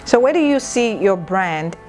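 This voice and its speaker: A woman's voice: mid-range voice, very animated, measured pace, a little mellow, soft background music. A woman hosting a TV fashion interview, asking brief upbeat questions. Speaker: show host.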